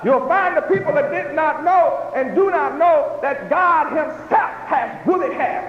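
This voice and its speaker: A man preaching a fiery sermon to a gathered audience, pressing his points with rhetorical questions and bursts of shouting. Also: very high-pitched, measured pace, faint music behind. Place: hall with a live audience. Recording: echoey hall, dull lo-fi, noisy.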